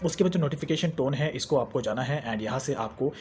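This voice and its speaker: A man's voice: mid-range voice, fast, darkish tone, a little hiss or hum. A young man hosting a phone tech tutorial, chatty and repetitive, mixing English terms into Hindi as he walks through settings. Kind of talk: screen-recorded how-to tutorial.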